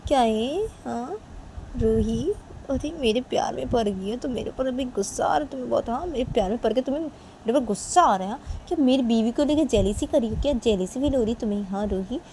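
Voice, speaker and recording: A woman's voice: a little high, expressive, a little fast, warm tone, a little hiss or hum. A woman voicing a smug married young woman who taunts the other and keeps asking "haan?". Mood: taunting. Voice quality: taunting, ends lines with "haan?".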